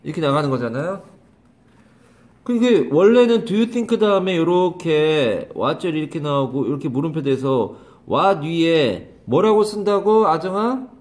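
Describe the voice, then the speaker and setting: A man's voice: fairly high pitch, lively intonation, unhurried, a little mellow. A man teaching an English grammar lesson to a class, calling on students by name, repeating questions and scolding them. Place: small classroom.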